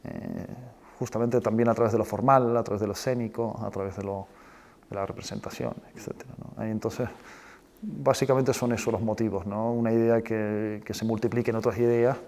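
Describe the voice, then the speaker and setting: Brisk and steady, this lowish, darkish voice belongs to a Spanish-Chilean film director discussing his own work in an interview. He's reflective, gropes for the right words, and frequently tags his phrases with a question.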